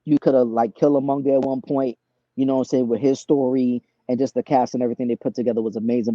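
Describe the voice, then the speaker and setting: A man in his thirties from Trinidad, raised in Boston, answering interview questions over a video call in a relaxed storytelling way with many fillers. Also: mid-range voice, no room sound, lo-fi sound. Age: 30s. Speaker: basketball coach, guest.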